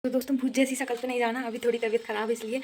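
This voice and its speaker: A woman's voice: fairly high pitch, little pitch movement, very fast, darkish tone, slight background noise. Chatty young woman vlogging at home. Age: young adult. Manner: chatty, playful, laughs often. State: unwell with a fever. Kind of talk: casual vlog chat. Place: family home, indoors and outdoors.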